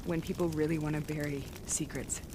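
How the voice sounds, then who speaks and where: A woman playing a haunted soldier in a video game, narrating in a grave, measured, introspective way. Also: low-pitched, fairly even intonation, background noise, close to an everyday voice. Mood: grim, defiant. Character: haunted female soldier recounting betrayal and doubt. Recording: loud music under the voice. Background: loud game score.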